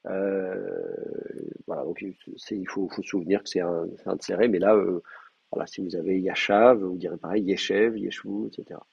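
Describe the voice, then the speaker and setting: Guy teaching a class, husky low voice, lots of ums while he thinks, muffled lo-fi sound. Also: fairly even intonation, normal speed, a little mellow. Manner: hesitant, thinking aloud with many fillers. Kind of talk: lecturing in a language class.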